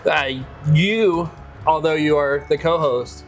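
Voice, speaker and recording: Upbeat, welcoming male podcast host, slightly higher voice, faint music underneath. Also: takes it slowly. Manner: upbeat, welcoming, lots of fillers. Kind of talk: casual podcast chat.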